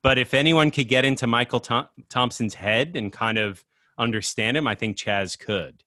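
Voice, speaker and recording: A podcast co-host chats casually in a mid-range voice with a sharp tone and a moderate pace. He rambles, using many fillers and restarts, and the clean studio recording has no room sound.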